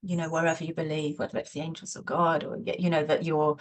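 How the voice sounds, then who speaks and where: Low, flat-voiced woman podcast host. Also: fast talker. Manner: affirming, reflective, with fillers. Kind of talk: casual conversation.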